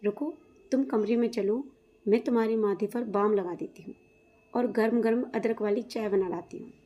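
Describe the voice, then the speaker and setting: A woman's voice: fairly high pitch, normal speed, natural voice. A caring young bride, as a woman narrator reads her. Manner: gentle, fussing.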